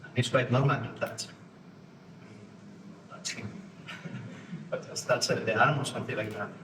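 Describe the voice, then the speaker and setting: A man from Spain speaks in a Spanish accent at a middling pitch, giving a live talk to a conference audience. His phrasing halts and restarts as he acts out postures and inner voices. The recording is echoey and taken from a distance, with a faint hiss of noise underneath. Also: steady tone. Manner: halting non-native phrasing with frequent restarts. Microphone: distant room mic.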